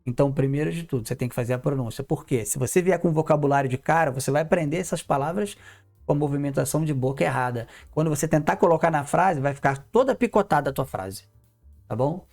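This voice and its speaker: A man's voice: on the high side, fast, a little mellow, soft background music. A Brazilian man giving a casual video lesson as an English teacher, emphatic, repeating key words and asking himself questions. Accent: Brazilian Portuguese.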